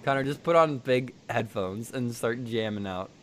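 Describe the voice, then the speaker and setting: A man's voice: moderate pace, fairly bright tone. A man co-hosting a podcast in casual chat, joking around and repeating his punchlines. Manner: jokey, repeats phrases, laughs often. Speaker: podcast co-host. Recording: faint background noise and rumble.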